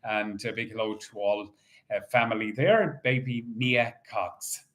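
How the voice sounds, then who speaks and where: A man with an Irish accent hosting as a bingo caller, announcing in a measured, formulaic way. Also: lowish voice, steady tone, fairly bright tone. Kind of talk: bingo calling, numbers digit by digit.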